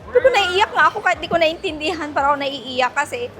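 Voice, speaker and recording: Walking through a mall for a casual travel vlog, this Filipino woman talks fast in a high-pitched, animated voice with a little hiss or hum. She chats and laughs a lot, switching between Tagalog and English, as loud background music plays over her.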